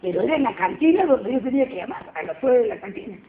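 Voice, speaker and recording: A woman, giving a lively church testimony and acting out the dialogue as she tells it. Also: on the high side, racing. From Peru. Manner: animated storyteller acting out dialogue. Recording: tinny phone-like line with faint noise.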